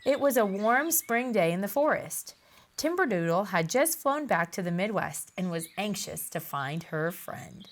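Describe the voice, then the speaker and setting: A woman author reading her children's picture book aloud in an expressive storytelling manner. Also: medium pitch, a little slow.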